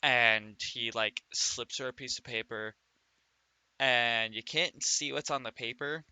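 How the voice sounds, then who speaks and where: A man narrating as game master for a tabletop game, in a relaxed, loose way. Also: mid-range voice, slow, clean tone.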